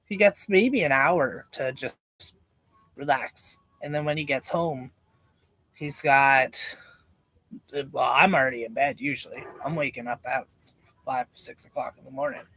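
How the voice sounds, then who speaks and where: A man's voice: medium pitch, unhurried, sharp tone, breathy edge, no echo, rough recording. A man with a laid-back, meandering stoner drawl, chatting casually and rambling like a live streamer. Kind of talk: casual rambling livestream chat.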